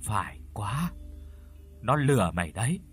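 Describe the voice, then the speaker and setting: Man doing a vengeful female ghost for a storybook: shrieking, then coaxing, husky and bright. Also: lowish voice, sing-song, measured pace, faint music behind, pitched below the performer's own voice, heavily acted.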